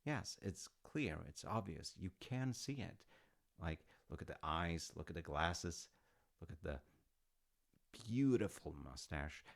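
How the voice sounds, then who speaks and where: Here a man voices a fond, proud father in an intimate storytelling roleplay, wandering through anecdotes with hesitant asides in a musing, conversational style. He speaks slowly in a low, gravelly full character voice with lively intonation, and the mood stays musing and affectionate.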